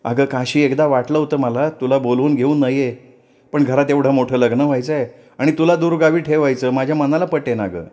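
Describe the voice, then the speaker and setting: पुरुष कथाकथनकार वाचतो वाड्यावरची बोलघेवडी, प्रेमळपणे रागावणारी वयस्कर मालकीण. आवाज जवळपास निवेदकाचाच, साधा आणि मध्यम उंचीचा. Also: male voice, medium pitch, steady tone, fairly quick, dark tone, lightly acted. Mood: fond. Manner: chatty, fondly chiding. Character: fussy elderly lady of the manor.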